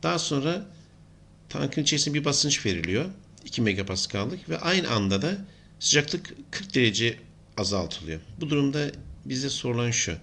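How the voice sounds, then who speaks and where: A man's voice: medium pitch, sing-song, moderate pace, gravelly, bright, forceful tone. A middle-aged man giving an engineering lesson, explaining steadily and thinking aloud as he writes. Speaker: engineering lecturer. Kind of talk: whiteboard lesson.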